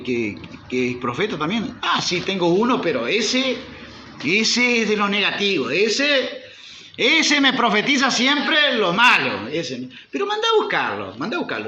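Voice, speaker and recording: A male pastor, preaching a sermon with animated delivery and acting out the lines of Bible characters. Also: sits high, echoey room, dull audio, a little hiss or hum. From Uruguay.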